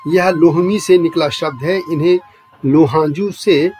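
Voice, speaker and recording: Man narrating history in a higher voice. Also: steady tone, darkish tone, soft background music. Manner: measured reading of long lists of names and places. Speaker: journalist narrating a channel's history series. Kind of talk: scripted documentary narration.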